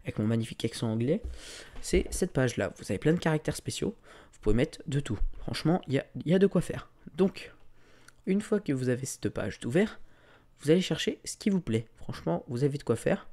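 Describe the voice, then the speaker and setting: A man's voice: on the high side, brisk. A man giving a casual, screen-recorded tutorial, talking through each click with lots of fillers. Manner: relaxed, talks through clicks with many fillers. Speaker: tutorial creator.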